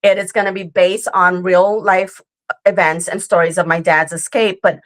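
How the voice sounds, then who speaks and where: Earnest woman in her forties, lowish voice. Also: level tone, moderate pace. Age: 40s. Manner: earnest storytelling with frequent "right?" and "like". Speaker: guest. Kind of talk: conversational interview.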